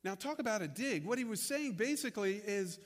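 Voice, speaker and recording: A man's voice: high voice, lively intonation, fairly quick, in a large hall. A man preaching a sermon as a pastor, in a conversational way, often repeating words as he restarts his sentences.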